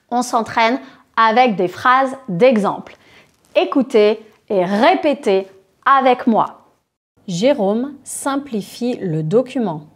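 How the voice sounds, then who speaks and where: A woman teacher with a fairly high voice that swings widely in pitch. She speaks very slowly and clearly. Her pronunciation is carefully exaggerated for learners. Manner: carefully articulated, exaggerated stress on endings. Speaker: French teacher. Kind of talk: slow, deliberate conjugation drill.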